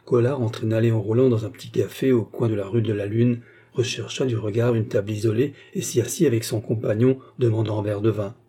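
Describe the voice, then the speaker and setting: A male narrator reads a novel aloud for an audiobook, measured and steady. His voice is lowish, very dark and husky, and it flows evenly without hurry.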